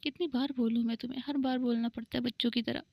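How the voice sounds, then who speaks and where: A bossy young woman who scolds briskly and gets flustered, as a woman narrator plays her. Her voice is a touch high with gravelly fry. Dry, dull lo-fi recording. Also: steady tone, no echo.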